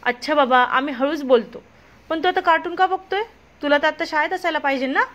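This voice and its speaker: A woman's voice: sits high, fairly quick, fairly bright tone, pitched above the performer's own voice. A chatty gossipy young friend, read by a woman.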